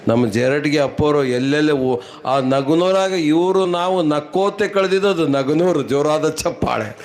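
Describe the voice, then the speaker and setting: A man's voice: fairly high pitch, unhurried, a little mellow. A man with a North Karnataka accent doing live stand-up comedy on stage, running rhyming patter and mimicking wailing women. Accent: North Karnataka Kannada. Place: live stage before a crowd.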